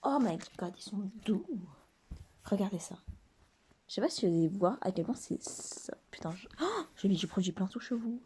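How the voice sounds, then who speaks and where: A woman's voice: medium pitch, sing-song, moderate pace, warm tone. Young woman, casual unboxing vlog, rambling chatter, slips into whispers, faint hiss behind. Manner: chatty, rambling, many fillers; drops to whispers late at night. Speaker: vlogger. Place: bedroom at night.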